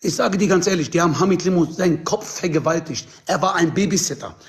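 A man's voice: high-pitched, quick pace. A man arguing heatedly and insistently on a group video call, talking over the others. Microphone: video call on phone or computer.

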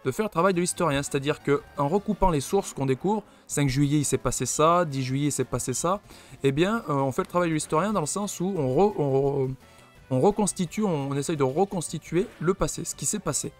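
A man's voice: on the high side, fairly quick, faint music behind. A man with a French accent hosting an unscripted let's play, thinking aloud with many fillers and restarts. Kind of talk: unscripted gameplay commentary.

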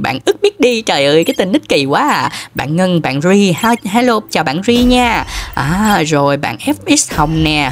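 A man giving upbeat, sing-song game commentary and chatting warmly with fans. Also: on the high side. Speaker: gaming YouTuber.

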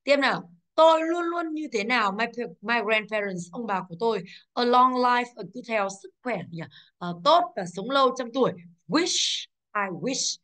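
A woman teaching English with a slightly high voice. She walks through each exercise step by step and keeps asking the class to confirm. Her English words carry a Vietnamese accent. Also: animated, normal speed, fairly bright tone. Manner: explains step by step, checks with "đúng không ạ".

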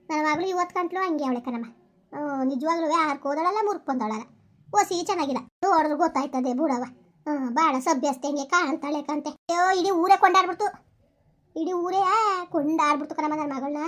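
A woman playing chatty village women, high fast voice. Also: close to an everyday voice. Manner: chatty, exclaiming, repetitive village talk. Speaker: actor in a village skit. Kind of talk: rural comedy skit acting.

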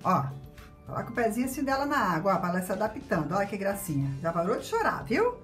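A woman's voice: mid-range voice, very animated, fast. A woman showing how to bathe a newborn, alternating between step-by-step instructions to the viewers and tender cooing to the baby, with a crying baby and music behind her. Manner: coos to the baby, heavy use of diminutives. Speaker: instructor demonstrating baby care. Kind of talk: casual instructional demonstration.

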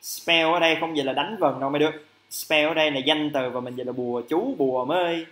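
Lively male teacher, echoey room. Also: fairly high pitch. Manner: lively, calls students "tụi con", stretches out English phrases slowly. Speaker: English teacher. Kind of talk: livestream vocabulary lesson.

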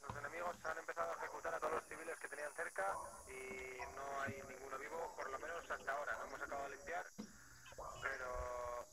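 A man speaking over an in-game radio as a military radio operator, using formal procedure in a measured, clipped way. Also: medium pitch, fairly even intonation, very noisy. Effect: heard over an in-game radio.

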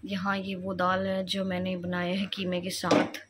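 A young woman chatting quietly in a home kitchen during a cooking vlog, a little congested from a cold and often losing her words. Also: on the low side, completely flat delivery, unhurried, very noisy. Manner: soft-spoken, talking quietly while others sleep; chatty, forgetful, mixes in English phrases. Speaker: vlogger. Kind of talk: casual cooking vlog chat.

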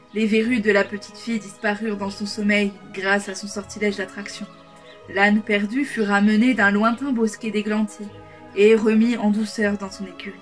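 Woman reading a fairy tale aloud. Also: medium pitch. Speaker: storyteller. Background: soft background music.

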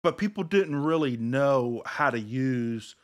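A man hosting a casual podcast chat, acting out gamers' quotes in a lively way. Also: slow. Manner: animated, acts out gamers' quotes in a higher voice. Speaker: podcast host. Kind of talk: casual chat over beers.

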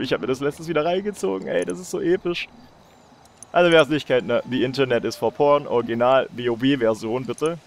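A young man hosting a let's play, joking and swearing in casual commentary while talking to his viewers. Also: mid-range voice.

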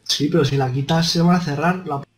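A man's voice: on the high side, fairly even intonation, a little fast, low-quality recording. A man, co-hosting casual co-op gameplay chat, laid-back and giving short tips. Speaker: co-host gaming partner.

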